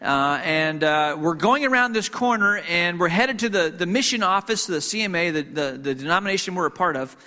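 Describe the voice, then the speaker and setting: Bright-voiced man telling a sermon story. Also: sits high, fairly quick, hardly any pauses. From Hong Kong. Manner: conversational, frequent fillers and restarts, self-deprecating humor. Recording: long reverb in a hall.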